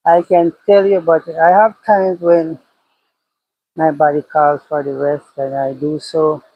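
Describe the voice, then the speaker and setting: A Jamaican cattle farmer livestreams from beside his cow pasture, reading comments and thinking aloud, repeating his phrases as he goes. His slightly high voice is flat and a little slow, and the recording has its highs cut off.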